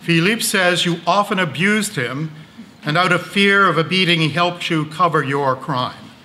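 A man playing a brisk police officer asking curt, direct questions on a live stage. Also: on the high side, bright, forceful tone. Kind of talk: amateur stage play.

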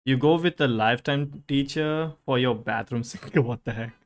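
Young male streamer, Indian English accent, mid-pitched voice, playful and teasing with chat. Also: moderate pace. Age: young adult. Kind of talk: casual live-stream chat.

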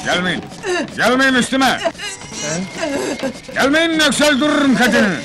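A snarling film gang leader, hurling threats and curt orders. His voice sits high and leaps up and down in pitch. Soundtrack music runs underneath. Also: very animated, fairly quick, rough recording. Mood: threatening. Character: brutal male gang leader robbing an old woman. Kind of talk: 1970s dubbed film acting. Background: film score music.

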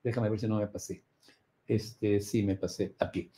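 A middle-aged man teaches a prosperity course, firing off rhetorical questions and acting out scenes with loud cries. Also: on the low side, little pitch movement, moderate pace. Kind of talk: motivational lecture.

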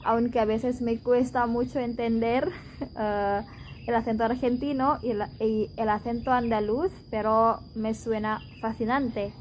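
A woman's voice: on the high side, steady tone, slight background noise, poor audio. Young Indonesian woman speaking careful Spanish. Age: 20s. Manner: careful, thoughtful learner's speech with pauses. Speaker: interviewee, Spanish teacher. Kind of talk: casual interview answers.

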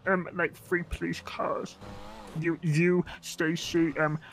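Casting: male player as chummy street-racer sidekick, creaky voice, stumbling improvised game chat over faint engines. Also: fairly high pitch, little pitch movement, takes it slowly. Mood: chummy, hesitant. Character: chatty street-racing car thief sidekick. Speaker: player in online game role-play. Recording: faint game vehicle noise.

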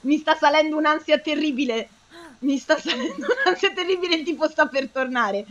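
A young woman giving anxious, excitable commentary while playing a game, pleading and exclaiming as she goes. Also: high voice, a little fast, lo-fi sound. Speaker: let's play host.

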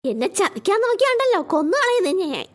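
Cartoon kidnapper man, menacing, threatening, very high, jumpy pitch. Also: sing-song, quick pace. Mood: suspicious. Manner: snarling threats, sudden loud jumps. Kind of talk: cartoon voice acting.

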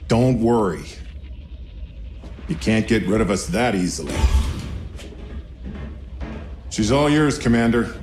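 An actor playing a cocky middle-aged smuggler in a game, with a wry, offhand manner. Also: male voice, fairly low pitch, animated, moderate pace, music in the background, natural voice. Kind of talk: cinematic game dialogue.

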